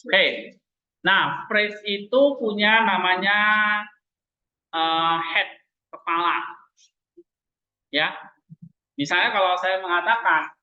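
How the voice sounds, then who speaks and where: Male teacher, classroom lecture, unhurried delivery, sharp bright tone, drops "eh" fillers while quizzing students. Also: sits high. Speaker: Greek language teacher. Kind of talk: classroom grammar lesson. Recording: roomy, dull classroom recording.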